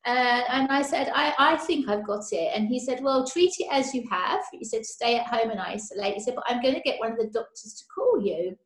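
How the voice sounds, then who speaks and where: A woman's voice: a little high, expressive, brisk, few pauses. A woman, a nurse being interviewed, telling a personal account in conversational detail. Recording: roomy, echoey call audio.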